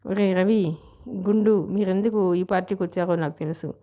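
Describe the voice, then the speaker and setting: A woman voicing a boastful, drunk young man who talks loudly and slowly, as in an audiobook reading. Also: high-pitched, steady tone. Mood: drunk, rowdy. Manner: loud, slurred and slow.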